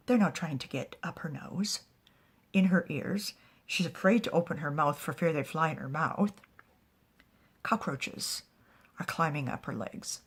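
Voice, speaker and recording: Husky, breathy woman storyteller. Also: low voice, a little slow, long pauses. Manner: animated, often dropping to a whisper. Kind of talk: spoken fantasy storytelling.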